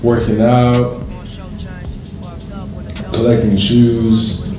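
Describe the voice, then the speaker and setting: A man's voice: medium pitch, monotone, very slow, recorded from a distance, noisy background. A man in his late twenties chatting casually and answering questions, rambling and repeating himself. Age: late 20s. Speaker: fitness YouTuber answering questions. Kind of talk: casual Q&A chat. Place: indoor room at a dining table. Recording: echoey room, off the mic, music behind.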